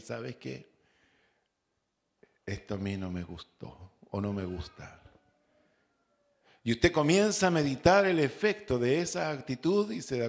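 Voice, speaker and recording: A man's voice: medium pitch, darkish tone. A man with a Chilean accent, a pastor preaching a Bible study sermon, repeating key words and asking the congregation rhetorical questions. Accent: Chilean Spanish. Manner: slow, drawn-out preaching with rhetorical questions and repetition.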